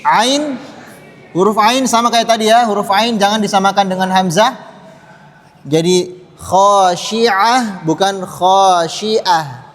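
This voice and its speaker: High-voiced man teaching recitation, echoing hall. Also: takes it slowly, fairly bright tone. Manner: patient, drills pronunciation and has the class repeat. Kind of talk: tajwid lesson to children. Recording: long hall reverb.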